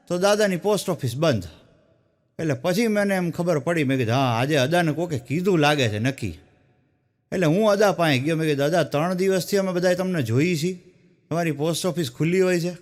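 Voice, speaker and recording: A man, a stand-up comedian telling folksy joke stories and dropping his voice low when he quotes people. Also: lively intonation, brisk, a little mellow, long reverb tail. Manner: folksy storytelling, drops low for quoted characters.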